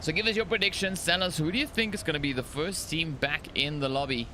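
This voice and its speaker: A man commentates a mobile battle royale match on a live stream all by himself. His voice sits a little high and rings bright and forward, with a faint hiss under it. He rambles and fills the gaps with filler words, laughing off his own slips. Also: fast talker. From Africa. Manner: chatty, rambling, many fillers like "of course". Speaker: esports caster.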